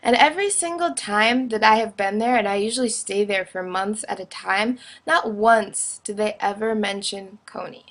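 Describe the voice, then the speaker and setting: A woman's voice: medium pitch, moderate pace, few pauses, a bit bright. A young woman talks casually into her camera, sharing a strong opinion in a chatty, emphatic way, with lots of fillers. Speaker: vlogger.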